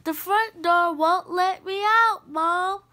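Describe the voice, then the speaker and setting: Give me a nervous little boy kitten with a slow, pleading voice, read by a woman. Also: very high-pitched, pushed and bright, heavily acted. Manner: pleading, questioning.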